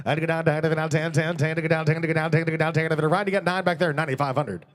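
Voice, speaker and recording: A man's voice: fairly high pitch, fairly even intonation, racing. A man working as a live auctioneer, chanting repeated filler phrases and numbers.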